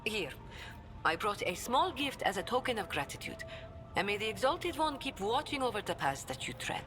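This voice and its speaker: A woman's voice: mid-range voice, big pitch swings, normal speed, close to an everyday voice. An actress voicing an ornate, obsequious woman trade agent in a video game. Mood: grave. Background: game music.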